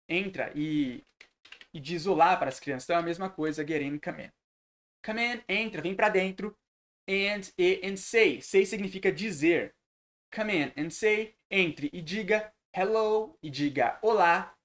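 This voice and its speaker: A man's voice: high-pitched, a bit bright. Man teaching phrase by phrase. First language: Portuguese. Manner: translates phrase by phrase, repeats words slowly. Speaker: English teacher. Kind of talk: recorded lesson.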